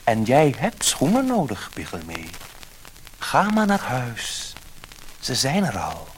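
A man reading a storybook, voicing a small kindly magic fish with a light, silvery voice and calm, reassuring manner. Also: mid-range voice, slow, slight background noise, voice pushed up, poor audio. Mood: gentle reassuring.

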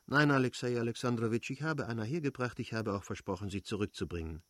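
A man's voice: mid-range voice, fast talker, fairly bright tone, no room sound, close to an everyday voice. A man reading a self-assured society princess. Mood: firm.

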